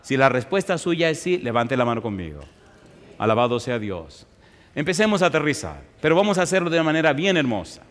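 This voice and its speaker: A male pastor preaching a sermon, telling stories and putting rhetorical questions to the congregation, growing louder and slower on scripture. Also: medium pitch, big pitch swings. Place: church. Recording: long reverb of a large hall.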